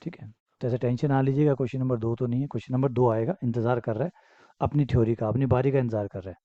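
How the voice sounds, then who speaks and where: A man's voice: medium pitch, steady tone, fast, dark tone, no room sound, muffled recording. A man teaching a university math lesson, explaining step by step, asking questions and answering them himself, repeating key phrases to encourage his students. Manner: repetitive, encouraging, asks and answers own questions. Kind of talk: explanatory lecture.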